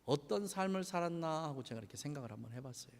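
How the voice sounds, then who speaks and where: A male pastor preaching with a high, strongly rising and falling voice, asking his congregation question after question. His sermon rings out in a church hall with a long reverb tail. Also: animated, very fast, vocal fry. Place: church sanctuary.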